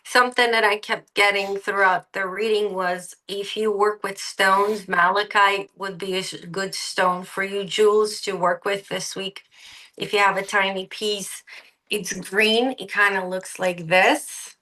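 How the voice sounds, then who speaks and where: A woman co-hosting a spiritual reading, offering warm advice about healing stones. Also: mid-range voice, fairly even intonation, measured pace, low-quality recording. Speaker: tarot reader co-host.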